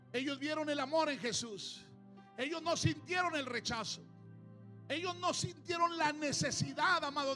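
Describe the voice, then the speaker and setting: A man preaching a sermon to his congregation in church, calling them "amados" and swinging between hushed passages and shouted ones. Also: very high voice. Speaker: pastor.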